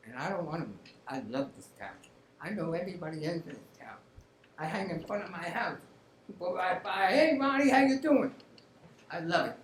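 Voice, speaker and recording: An older man with a hoarse, raspy, strained voice making plain-spoken public remarks as a resident, in short halting phrases. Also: high-pitched, lively intonation. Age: 60s or older. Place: indoor council meeting room. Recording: echoey meeting room, faint noise.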